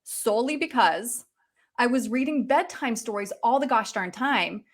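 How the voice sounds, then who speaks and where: A woman co-hosting a casual chat, a former TV news anchor who talks in a relaxed, conversational way with wry asides. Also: on the high side, moderate pace.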